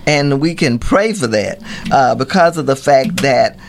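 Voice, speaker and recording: A man giving political commentary as a radio co-host, deliberate and repeating phrases for emphasis. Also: mid-range voice, lively intonation, creaky, slight background noise.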